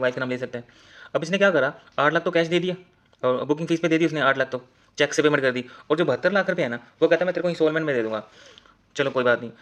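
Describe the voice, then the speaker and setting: A man's voice: on the high side, a bit bright. A man teaching an exam case study, talking directly to students as he works through answers. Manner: rapid, talks to students directly in mixed Hindi and English.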